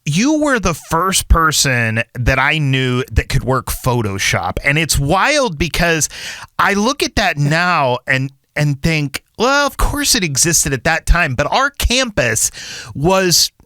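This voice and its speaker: Male host, casual chat, lively swooping pitch, dry close sound. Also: slow pace, dry recording. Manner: enthusiastic, reminiscing. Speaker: podcast host.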